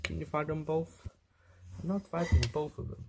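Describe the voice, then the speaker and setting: A fan movie creator voicing every character in an amateur fan film, switching voices and jumping up into squeaky highs. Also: little pitch movement, normal speed, vocal fry, noisy background.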